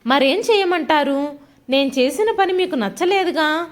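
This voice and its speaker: A timid young wife in a storybook drama, hesitant and pleading as she defends herself, voiced by a woman narrator. Her voice sits high and moves a lot. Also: lively intonation, moderate pace. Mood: hurt.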